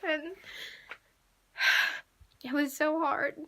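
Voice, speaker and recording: A young woman shares a personal story on her vlog, speaking in an unhurried, halting way. Her voice sits high and sounds bright. She sighs and laughs between thoughts and sounds close to tears. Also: level tone. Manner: emotional, breaks into laughs and sighs. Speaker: vlogger.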